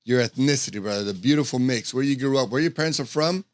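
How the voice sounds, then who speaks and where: A man's voice: mid-range voice, fast, no room sound. Enthusiastic podcast host man, dry sound. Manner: enthusiastic, effusive hype. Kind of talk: casual podcast chat.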